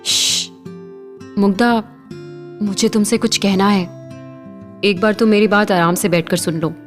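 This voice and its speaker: A woman voicing a cocky young college man who speaks in a low, smooth, unhurried way. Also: steady tone, soft background music, close to an everyday voice. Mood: cool smug.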